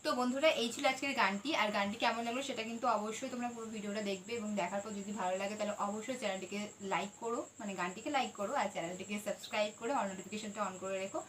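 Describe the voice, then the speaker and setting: A woman who hosts her own singing channel, talking quickly and chattily to her viewers with a few fillers. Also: medium pitch, steady tone, a bit bright, slight background noise. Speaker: channel singer. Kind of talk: casual channel talk to viewers.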